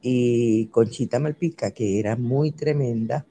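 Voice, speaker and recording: A man slowly recalls a school-days memory, repeating words as he remembers, with faint noise behind him. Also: medium pitch, warm tone. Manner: slow, reminiscing, repeats words.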